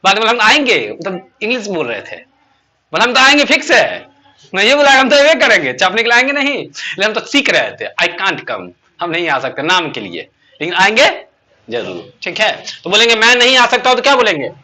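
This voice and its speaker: A male teacher leads a classroom lesson. His voice sits high and sounds sharply bright. He drills the class, firing questions and answering them himself. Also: big pitch swings, brisk. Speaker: English teacher.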